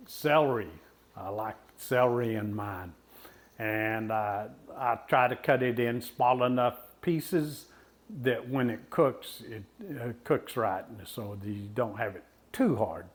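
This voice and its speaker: A man in his sixties with a West Texas twang, talking through a cooking demonstration in a folksy, unscripted way with pauses. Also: medium pitch. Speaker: home cook presenting a recipe.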